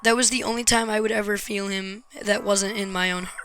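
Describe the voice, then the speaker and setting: Bright-voiced woman telling her story. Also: medium pitch, steady tone, soft background music. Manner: frank and raw, hesitant pauses, swears when upset. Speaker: vlogger. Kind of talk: personal storytelling to camera.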